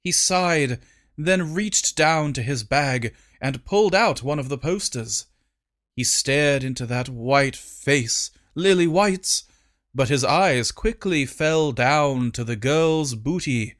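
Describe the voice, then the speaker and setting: A man narrating a comic storybook in an expressive, playful way. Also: a little high, slow. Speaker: audiobook narrator.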